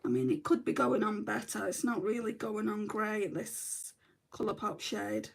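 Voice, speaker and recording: Chatty and self-deprecating, a middle-aged woman with a northern English accent, from northern England, talks casually through a makeup livestream, reading comments and muttering as she works; she says she has back pain. Her mid-range voice has vocal fry at a moderate pace, with a little hiss or hum.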